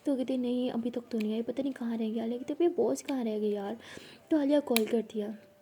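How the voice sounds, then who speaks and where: A woman's voice: on the high side, steady tone, fast talker, dark tone, slight background noise. A young woman casually telling a love story aloud, voicing the characters' dialogue herself with small shifts.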